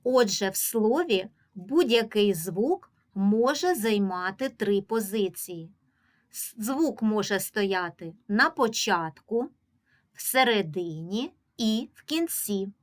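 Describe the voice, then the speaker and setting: A woman with a Ukrainian accent teaching a reading lesson to young children, drawing out each example word slowly and giving patient, clearly paced instructions. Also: mid-range voice, lively intonation. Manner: slow, drawn-out pronunciation of example words.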